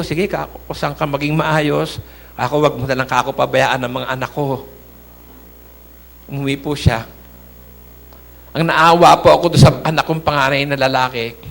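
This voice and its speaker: A man's voice: on the high side, vocal fry. A middle-aged man from the Philippines giving an earnest church testimony, addressing the congregation as brothers and sisters.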